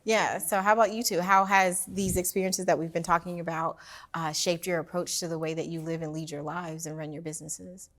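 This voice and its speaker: Lively woman host with a low voice. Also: fairly quick. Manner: animated storytelling, quoting others. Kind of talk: casual conversation.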